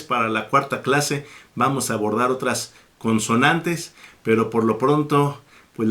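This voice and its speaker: A man teaches a Bible Hebrew lesson at a deliberately slow pace. His voice sits at an ordinary middle pitch, and he repeats each word several times for his listeners. Between points he pauses to give thanks to God. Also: fairly bright tone. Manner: repeats words slowly for the learner, blesses God between points. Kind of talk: slow, patient classroom lesson.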